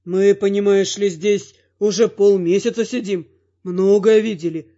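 A man reading an audiobook, voicing a captive male dwarf who speaks calmly and plainly. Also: high voice, measured pace, muffled recording. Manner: calm, plain-spoken. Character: gruff captive male dwarf, calm and matter-of-fact.

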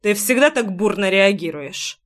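A woman's voice: medium pitch, lively intonation, moderate pace, lightly acted. A woman voicing an ancient male fire dragon who gives short, cold commands. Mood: cool. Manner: curt commanding orders.

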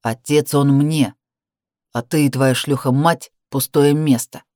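A woman voicing a cruel young man threatening his stepsister in a slow, low, contemptuous voice. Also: fairly even intonation, a little mellow, no room sound, studio quality. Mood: cold menace. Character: menacing young man, cold cruel stepbrother.

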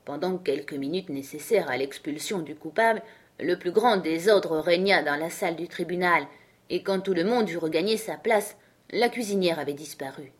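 A woman reading a storybook aloud as audiobook narrator, in a steady, even style. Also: on the low side, moderate pace, slightly rough. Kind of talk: scripted narration.

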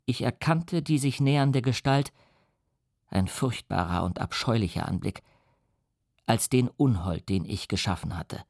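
A man narrating an audiobook in a calm, even storytelling manner. His voice sits at middle pitch and sounds dry and close to the mic. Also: measured pace, creaky, no room sound.

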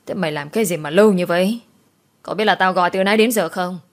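A woman voicing a vain, sharp-tongued rich mistress who scolds and mocks. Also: lowish voice, quick pace, lightly acted. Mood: scolding. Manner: scolding, sour and mocking.

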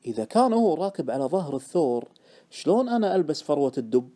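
A man narrating an audiobook in the first person with expressive storytelling. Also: on the high side, quick pace.

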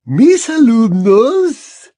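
Man doing a giant french headmistress, imperious, languid, high put-on voice, slow and drawn out, dry close sound. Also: sing-song, mellow, no room sound, heavily acted. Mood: haughty. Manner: slow, haughty, with hesitations.

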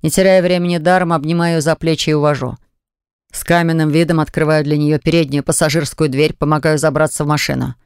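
A man's voice: fairly high pitch, little pitch movement, quick pace, dry recording. A man narrating a first-person audiobook in a wry, sardonic manner, close to the mic. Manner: wry, sardonic, gruff in dialogue.

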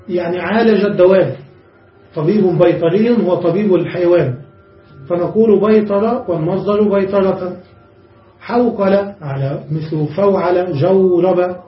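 A man teaching a grammar class as a sheikh, explaining each rule step by step and checking that his students follow. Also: high-pitched. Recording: dull, echoey room, distant mic.

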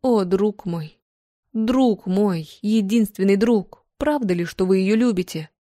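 A desperate aging countess begs for the truth in a soft, tearful voice, as a woman reader puts her on. The tone is dark and mellow, and the sound is dry and close. She speaks slowly and sorrowfully, as in a spoken storybook. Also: medium pitch, no room sound, natural voice. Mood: pleading. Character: aging countess, pleading, heartbroken, desperate in love.

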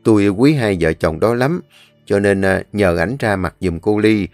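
Người kể chuyện đóng ông chủ điền già nghiêm nghị. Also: male voice, on the low side, measured pace, a little mellow, no echo, soft background music. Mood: explaining. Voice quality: firm, commanding manner. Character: stern, protective elderly village landlord.

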